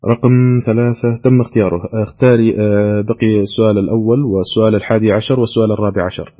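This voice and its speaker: A man's voice: on the low side, fairly even intonation, racing, lo-fi sound. A man hosting a call-in Quran quiz show, explaining answers with frequent hesitation fillers.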